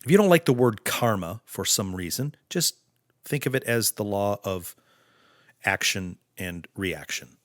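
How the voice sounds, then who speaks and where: A man's voice: lowish voice, expressive, no room sound, studio quality. Earnest man giving a motivational talk. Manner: earnest, preachy, speaks in slow deliberate phrases. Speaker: podcast host. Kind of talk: motivational podcast monologue.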